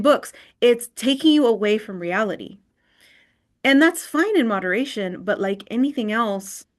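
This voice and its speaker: Speaking in a mid-range voice, a woman runs an online wellness workshop captured as a screen recording of a video call. Her style is conversational, with frequent "right?" check-ins.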